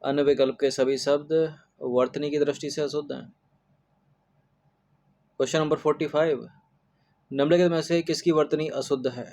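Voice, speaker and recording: A man's voice: on the high side, fairly even intonation, normal speed, long pauses, a little mellow. Man drilling test answers. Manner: repetitive, drills spellings with "ठीक है" fillers. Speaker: exam-prep teacher.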